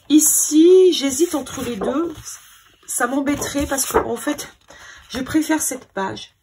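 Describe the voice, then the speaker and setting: A woman's voice: high-pitched, noisy background. A woman hosting a scrapbooking video, thinking aloud in a hesitant, casual way as she sorts her papers. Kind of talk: casual crafting commentary.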